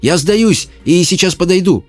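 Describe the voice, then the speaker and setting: A man's voice: sits high, lively intonation, normal speed, no room sound, faint music behind, voice pushed up. A man doing a scared, brave young boy. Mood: tense. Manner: tense, pleading, shaky voice. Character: frightened but brave boy. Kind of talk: audiobook character voice.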